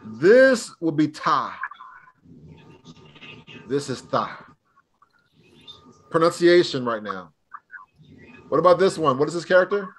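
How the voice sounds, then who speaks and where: A man with a fairly high voice leads a live online lesson. His delivery is relaxed and conversational, and he keeps firing questions at his class. A faint hiss of background noise runs under him. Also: measured pace, pauses often. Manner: casual, drilling students with questions. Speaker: Hebrew teacher.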